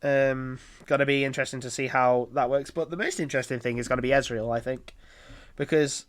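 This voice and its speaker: A man with a mid-range voice and fairly even intonation, speaking a little fast, works solo as an esports caster on his own streaming mic. His live game commentary is chatty, meandering, and heavy on fillers.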